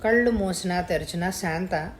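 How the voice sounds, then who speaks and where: A woman narrating a story in a steady, measured way. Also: lowish voice, a little hiss or hum. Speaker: audiobook narrator.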